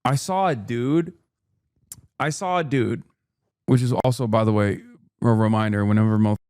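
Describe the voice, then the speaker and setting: A man in his thirties streams his reactions in a loose, rambling way, swearing for emphasis and circling back on his points. His voice sits at an ordinary pitch. The sound is very dry and close to the mic. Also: moderate pace, a little mellow, clean tone, no echo. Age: 30s. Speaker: streamer host. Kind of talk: casual reaction commentary.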